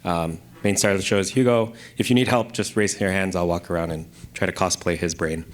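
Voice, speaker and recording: A man teaching assistant briefly introducing himself to a workshop audience in a relaxed, modest way with dry humor. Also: low voice, brisk, slight background noise. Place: conference room.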